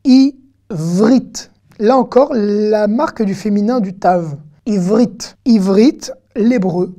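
A woman teaching an online language lesson, saying each word slowly and clearly several times before she explains it. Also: mid-range voice, dark tone. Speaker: Hebrew teacher.

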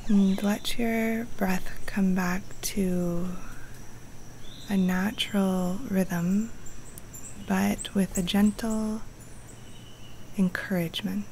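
Faint jungle birds and insects fill the background as a yoga nidra teacher, outdoors, guides a relaxation session in a soft, breathy, partly whispery mid-range voice. She stays calm and soothing, leaving long pauses, and the live recording carries slight background noise.

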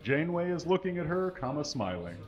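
A man's slightly high, very animated voice comes through a muffled recording as he reads fan fiction at a fairly quick clip during a live comedy show. Performing on a small indoor stage with curtains and an audience, he uses a microphone on a stand and plays it exaggerated and mock-earnest, spelling out errors and punctuation along the way.

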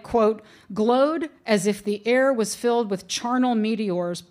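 Standing at a lectern in a wood-paneled room, a middle-aged woman of medium pitch delivers a lecture she reads from notes. Into the lectern mic, she slips in dry bits of humor along the way.

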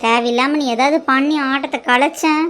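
A woman's voice: high-pitched, fairly even intonation, a little fast, a bit bright. Woman doing a cruel threatening stepmother. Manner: scolding, threatening, sneering. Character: harsh scheming stepmother, middle-aged woman. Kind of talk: cartoon voice acting.

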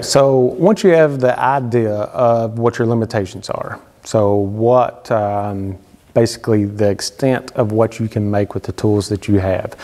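A man's voice: fairly low pitch, mellow. A man in his thirties giving casual, conversational woodworking advice straight to camera, gesturing as he talks, from his home workshop. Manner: conversational, gestures a lot, frequent fillers. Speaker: woodworking channel host. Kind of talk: casual instructional talk to camera. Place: wood-paneled home workshop, indoors. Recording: long reverb from a workshop.

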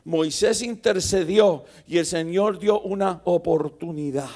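A male pastor preaching a sermon at a church service, swinging from soft asides to shouted exhortation. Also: high voice, unhurried.

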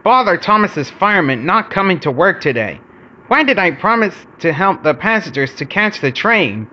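A man voicing an eager, excitable male talking bus in a children's storybook reading, with shrill, excited cries. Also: moderate pace, muffled recording, full character voice. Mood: grumbling.

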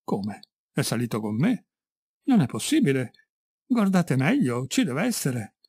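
A man's voice: mid-range voice, wildly swooping pitch, a little slow, a little mellow, breathy edge, dry recording, exaggerated voice. A man voicing a frightened tearful young wife. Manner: pleading, trembling.

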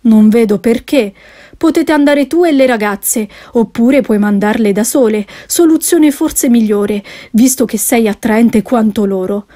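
A dry, ironic middle-aged husband from an audiobook, read by a woman, calm and teasing in his answers. The voice stays fairly high and soft, in a mellow tone. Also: unhurried, natural voice. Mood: wry. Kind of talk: audiobook character reading.

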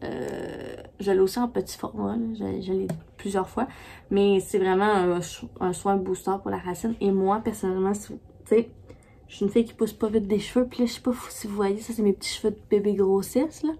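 A woman's voice: mid-range voice, steady tone, a little fast, gravelly, dark tone, husky. A woman with a Québécois French accent chatting casually as a beauty vlogger, rambling with many fillers and restarts. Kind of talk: casual product review.

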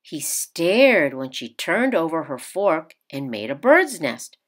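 A woman with a low-pitched voice reads a picture book for children, bringing an expressive, unhurried storytelling quality to it.

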